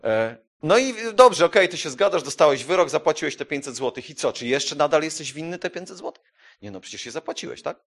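A man preaches a sermon, shifting between quiet, conversational asides and loud, emphatic declarations, and often puts questions to his listeners. His voice sits a little high, and he speaks fairly quickly and very animatedly.

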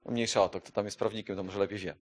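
A man preaching a sermon who moves between quiet, conversational asides and loud, emphatic declarations, often putting questions to his listeners. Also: on the low side, steady tone, quick pace.

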